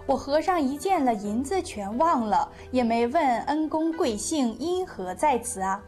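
A woman storyteller voicing a merry, teasing eccentric male monk who mocks people and sings slow folk ditties. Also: high voice, expressive, dark tone, soft background music. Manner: playful, mocking, sings a slow folk ditty.

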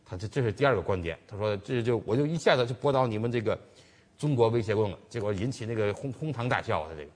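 A man's voice: on the low side, animated, fast talker. A man co-hosting a commentary show, retelling events in a rambling way with many restarts and fillers. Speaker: co-host, commentator. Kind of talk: political commentary chat.

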